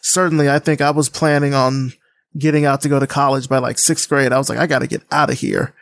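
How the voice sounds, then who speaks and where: A man from Alabama, hosting a podcast interview in a relaxed, hedging way with many fillers. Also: medium pitch, fairly quick, no room sound. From Alabama, USA. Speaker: podcast host. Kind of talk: casual interview conversation. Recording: dry close sound.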